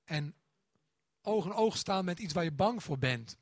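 A man's voice: sits high, unhurried, no echo, studio quality. A man, preaching a sermon and acting out quotes. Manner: animated, acts out quotes and a child's voice. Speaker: pastor.

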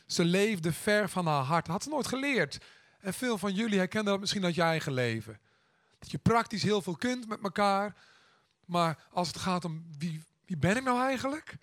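A man giving a reflective storytelling talk, hesitant and thoughtful, with many pauses and restarts. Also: high-pitched, expressive, fairly bright tone, no echo, clean studio sound. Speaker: speaker.

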